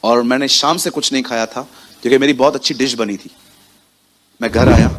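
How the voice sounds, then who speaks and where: A man's voice: medium pitch, fairly even intonation, fairly quick, a bit bright. A young man preaching a sermon, talking in a chatty way and often putting questions to the congregation. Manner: conversational, quizzes the congregation, mixes in English words. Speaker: pastor.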